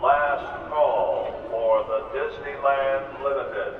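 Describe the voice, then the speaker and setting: Slow man announcing over a PA system. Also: mid-range voice, a crowd in the background. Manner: slow, measured, deliberate. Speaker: station announcer. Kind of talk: formal recorded train announcement. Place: outdoor railway station platform. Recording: tinny echoey loudspeaker from far off with noise.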